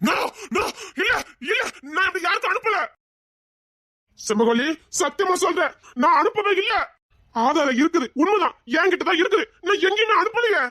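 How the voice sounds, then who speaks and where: A frantic young man, begging and wailing to be believed, speaking with a Tirunelveli Tamil accent , as a woman acts him out. The voice sits fairly high and the recording is dry and close. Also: fairly quick, no room sound. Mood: frantic pleading. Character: panicked young male boyfriend, pleading and guilt-ridden.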